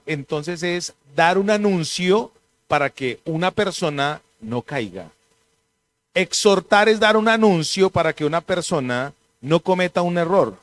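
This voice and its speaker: A middle-aged man with a Colombian accent, preaching a church sermon in a lively, conversational way with humorous asides. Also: a little high. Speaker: pastor. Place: church service.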